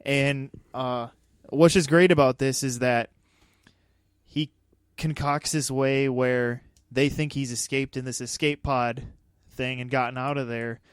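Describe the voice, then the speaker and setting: A man's voice: medium pitch, steady tone, a little slow, clean tone, no echo, clean studio sound. A man co-hosting a movie podcast, chatting casually and animatedly, often laughing as he talks. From Dakotas, United States. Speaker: podcast co-host. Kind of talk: casual chat.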